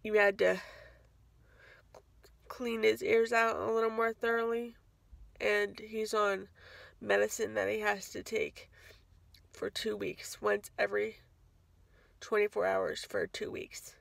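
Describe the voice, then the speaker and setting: Woman, 30s, casual vlogger, rambling and self-correcting, slight fry, dry close phone sound. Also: mid-range voice, flat delivery, slow, long pauses, dry recording. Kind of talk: casual vlog update. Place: home kitchen, then parked car. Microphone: phone at arm's length.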